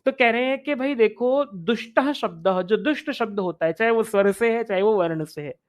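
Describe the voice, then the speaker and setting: A man's voice: sits high, moderate pace. A man teaching Sanskrit in an online exam-prep lecture. He explains step by step, repeats phrases and chants Sanskrit verses.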